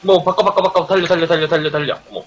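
A man's voice: a little high, fairly even intonation, fast talker. A man streaming a racing game live, chattering nonstop with exclamations, teasing and playful swearing. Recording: dull lo-fi stream audio with faint hiss.

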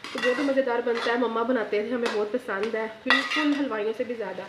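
Cooking at her stove for her channel, this woman speaks quickly in a steady, slightly high voice, walking viewers through each step of a recipe. She chats to them directly and frequently adds a pious expression. The recording is very noisy, full of kitchen echo, sizzling, and clattering pans.

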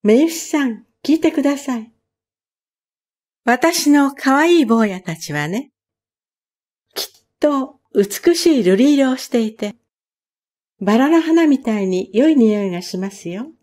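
Proud mother songbird, played by a woman reader, lifted boastful voice, slow, soft, storybook. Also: high-pitched, lively intonation. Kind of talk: storybook reading.

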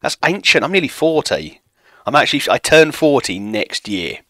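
A man's voice: mid-range voice, big pitch swings, moderate pace, sharp tone, no room sound. A man in his late thirties streaming a football management game, chatting casually and self-mockingly with viewers from a desk at home. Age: 30s. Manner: chatty, self-mocking, reads chat aloud. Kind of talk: casual chat with stream viewers while playing.

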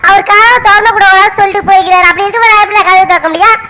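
A woman's voice: very high voice, steady tone, rapid-fire, bright, forceful tone, slight background noise. A woman voicing a stern, bossy young village woman who scolds her younger brother. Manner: scolding, lecturing. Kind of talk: cartoon voice acting.

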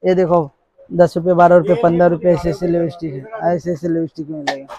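A man in his thirties working as a wholesale shopkeeper, showing goods and listing prices in a brisk, repetitive sales patter inside a crowded shop. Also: on the high side, little pitch movement, dull audio, a crowd in the background. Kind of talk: sales pitch to a vlogger. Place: crowded cosmetics shop, indoors.

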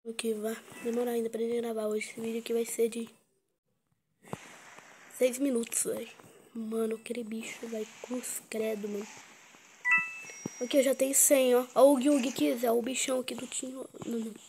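A woman with a Brazilian accent delivers casual, chatty gameplay commentary for her gaming YouTube channel. Her voice is a little high, creaky and mellow, with a flat delivery and a fairly quick pace. It's a noisy mobile game recording full of clicks.

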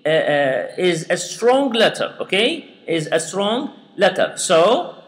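A man gives a slow, step-by-step Quran recitation lesson, patiently saying sounds over and asking learners to repeat after him. His high voice swings widely in pitch as he takes his time. Long reverb fills the echoey room.

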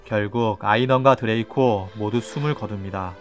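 A man's voice: fairly low pitch, moderate pace. A man reading a scripted film recap as a voice-over narrator. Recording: loud film music behind voice-over. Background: film score.

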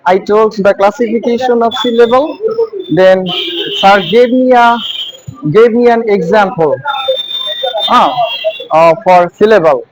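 A young man from Shariatpur, Bangladesh, talks with a fairly high voice, recounting his exam interview in a halting, stop-start way. Loud crowd chatter fills the space around him. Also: poor audio. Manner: halting, mixes in English with uh fillers. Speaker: exam candidate interviewed after viva.

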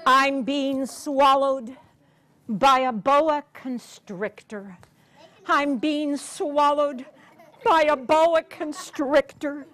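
Here the voice is high-pitched and a bit bright, with fairly even intonation and an extremely slow delivery. The speaker, an American woman in her sixties, is at story time in a carpeted library program room, interactively reading a picture book to young children in a sing-song, teacherly style full of prompting questions.

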